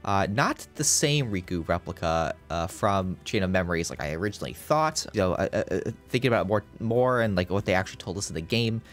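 Male let's-play host, deep voice, rambling and casual, groggy morning voice, faint game music behind. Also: expressive, a little fast, hardly any pauses. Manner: rambling, many fillers and restarts. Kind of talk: casual gameplay commentary.

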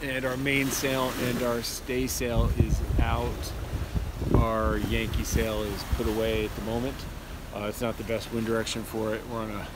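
Man in his forties, steady low-key voice, casual sailing vlog to camera at arm's length, loud wind noise over the mic. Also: moderate pace. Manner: relaxed, explanatory, many fillers. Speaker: sailing travel vlogger. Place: outdoors on a sailboat deck at sea. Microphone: handheld camera at arm's length. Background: wind and waves.

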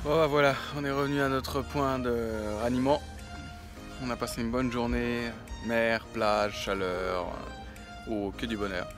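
A young man in his twenties from France, talking casually to a phone held at arm's length outdoors, chatty and relaxed with lots of fillers. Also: medium pitch, a little slow, music in the background. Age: 20s. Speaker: vlogger. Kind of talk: casual travel vlog. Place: outdoors by the sea and in a camper van.

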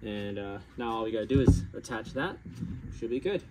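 With a fairly low, expressive voice and a moderate pace, a middle-aged man explains a DIY task outdoors in a residential driveway, casually thinking aloud for his vlog. Background noise and clicks are audible, though the recording is clear.

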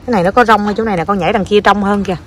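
A woman's voice: mid-range voice, fairly even intonation, racing, fairly bright tone. A woman coaxing and cheering her child on outdoors by a river, filming on her phone. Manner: coaxing, encouraging, counts aloud. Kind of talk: casual family vlog. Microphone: phone camera held by the speaker.

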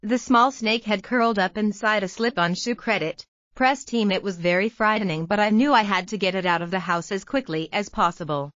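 Female news narrator, measured read-out, mid-pitched, dry and slightly dull recording. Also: fairly bright tone, no echo.

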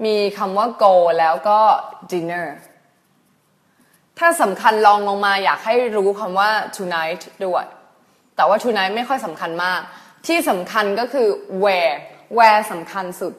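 A woman with a Thai accent, teaching an English test lesson in a chatty, animated way and mixing English terms into her explanations. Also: medium pitch, takes it slowly. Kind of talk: TOEIC listening lesson.

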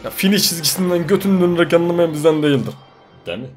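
A man giving loud, joking commentary while playing mobile games. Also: fairly high pitch, expressive, very fast, faint music behind. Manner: loud, jokey, swearing, exclaiming at the game. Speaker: gaming youtuber. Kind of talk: let's play commentary.

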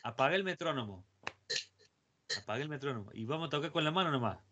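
A man's voice: a little high, animated, fast, background noise. A man with an Argentine accent giving an online guitar lesson over a video call. He coaches the student and chants repeated syllables to count out rhythms. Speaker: guitar teacher. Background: guitar playing.

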